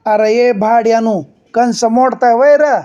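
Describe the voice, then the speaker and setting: A man voicing a furious, sharp-tongued village woman farmer who shouts and scolds, in a story reading. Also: very high-pitched, normal speed, highs cut off, pitched above the performer's own voice.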